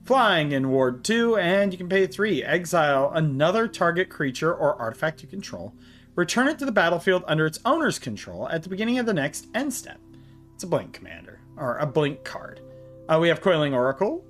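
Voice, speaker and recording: A man hosting a card game channel, walking through a deck and reading card text aloud in a halting way, short of breath. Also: on the high side, fairly bright tone. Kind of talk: deck tech walkthrough.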